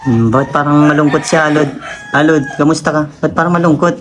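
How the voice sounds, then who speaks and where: A man hosting a charity vlog outdoors, greeting viewers and gently questioning a family. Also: fairly high pitch, fairly even intonation, fast talker. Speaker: vlogger doing charity visits. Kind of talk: casual vlog talk and interview. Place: outdoors at a rural home.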